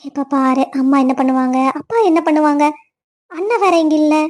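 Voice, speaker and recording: Lady doing a young wife in a cartoon, super high voice, spirited and sulky. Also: moderate pace, lightly acted. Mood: wistful. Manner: lively, teasing back. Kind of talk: cartoon story voice acting.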